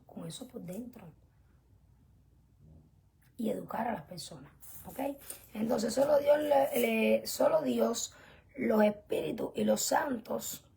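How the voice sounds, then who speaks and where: A young woman teaching an online religious class, earnest and emphatic, often dropping to soft whispered asides. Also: fairly high pitch, gravelly, slight background noise. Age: young adult. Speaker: spiritual teacher.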